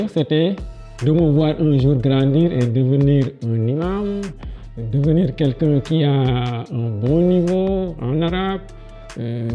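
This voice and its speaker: This gravelly, middle-aged Senegalese man has a fairly high pitch and a Senegalese French accent, and the recording's highs are cut off. An education official interviewed as a guest, he sits in an indoor office with a large window, lapel mic on, giving answers and anecdotes with halting restarts and repeated words that grow livelier during stories.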